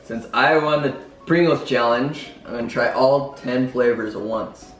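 A man hosting a casual family vlog, talking in a relaxed, laid-back way. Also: mid-range voice, a little slow, distant mic. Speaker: vlog host. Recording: echoey room, off-mic, with music.

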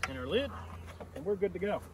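Outdoors at an apiary on a grassy yard, a middle-aged man teaches beekeeping hands-on, explaining each step plainly. His high voice is animated and brisk, and the camera mic a few steps away records very noisy audio.

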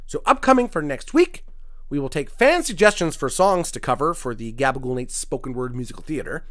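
A man hosting a comedy podcast, reciting rap lyrics word for word in a mock-serious deadpan and stopping to comment dryly on them. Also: medium pitch, brisk. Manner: mock-serious, dry commentary between lively recited lines. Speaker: podcast host.

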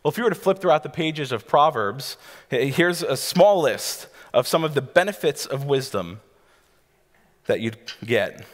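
A man's voice: mid-range voice, expressive, normal speed. A man in his thirties, a pastor, preaching a sermon from a church stage and picturing scenes for his listeners. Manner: teacherly, pictures scenes for listeners, some restarts. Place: church stage before a seated congregation. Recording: long hall reverb of a church.

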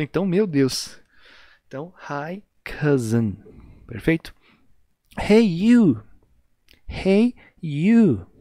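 A Brazilian teacher with a mellow, relaxed voice, recorded dry and close with no room sound. He stretches English phrases out slowly and repeats them so his students can copy him. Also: medium pitch, no room sound. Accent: Brazilian Portuguese. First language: Portuguese. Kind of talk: online class teaching.

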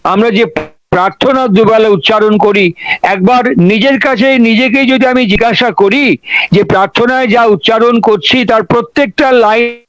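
A man with a high voice delivers a devotional sermon, driving his points home through emphatic repetition. The recording is dry and close, with no room sound around him. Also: normal speed, fairly bright tone, no room sound, rough recording. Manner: repetitive, emphatic rhetorical preaching. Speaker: preacher.

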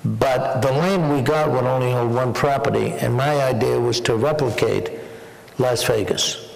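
Honored guest, male, mid-pitched, gravelly, joking storyteller, long hall echo. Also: moderate pace. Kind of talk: onstage interview at a dinner. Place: large banquet hall. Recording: echoey banquet hall.

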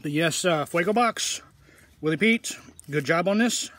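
A man talking casually to his viewers in a tasting vlog, rambling in a relaxed way. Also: fairly high pitch, a little slow. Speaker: food reviewer.

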